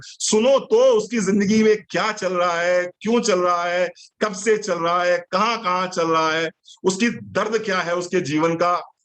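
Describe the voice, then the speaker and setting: A man with a fairly high voice runs a training session for salespeople. He is animated and playful, teasing his listeners and mimicking the people in his examples. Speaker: network marketing trainer. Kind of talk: motivational lesson.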